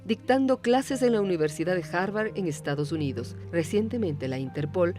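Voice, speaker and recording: A woman reading scripted documentary narration in a measured, even way. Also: lowish voice, music in the background. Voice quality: measured, even delivery of figures and facts.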